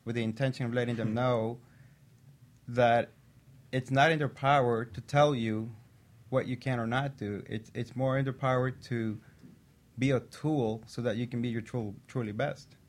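A physician assistant appears as a talk show guest and tells a personal story in an earnest, steady manner. His voice sits in the mid-range, and he speaks at a moderate pace.

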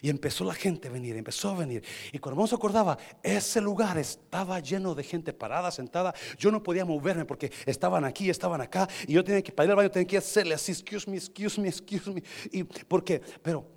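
A man preaching a sermon as pastor, dropping to whispers and rising to shouts, and slipping English phrases into his Spanish. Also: sits high, animated, gravelly. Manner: self-described introvert, talks fast when telling stories.

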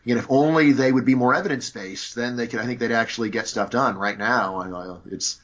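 A guest in a conversational interview argues his views at length, leaning heavily on "you know" and "like." His voice is mid-range and fairly bright, and he talks fairly quickly. The sound is lo-fi.

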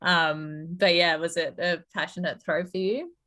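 A woman in her thirties with an Australian accent co-hosting a podcast. Her voice sits a little low, and she rambles, full of "like"s. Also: steady tone, a little slow, a bit bright. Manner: chatty, rambling with many fillers. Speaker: podcast co-host. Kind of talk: casual podcast chat.

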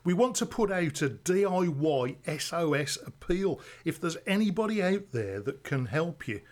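A man's voice: a little high, lively intonation, moderate pace. A man presenting local radio, interviewing conversationally in an encouraging way, often ending on tag questions.

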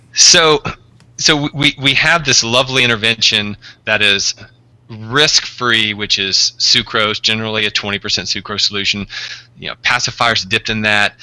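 A man speaking as the pediatrician guest on a podcast interview, talkative with dry humor and halting restarts. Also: on the low side, sharp tone, no room sound, low-quality recording.

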